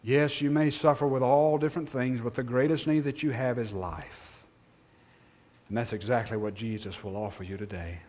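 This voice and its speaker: A man preaching a sermon, swinging from hushed, drawn-out phrases to loud, emphatic appeals. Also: medium pitch, steady tone, long reverb tail.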